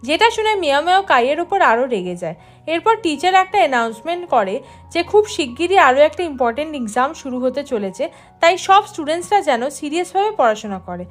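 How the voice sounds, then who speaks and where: A woman with a high voice and a Bengali accent narrates a drama recap. Her delivery is steady and scripted, and she reads the characters' lines without changing her voice. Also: brisk, faint music behind.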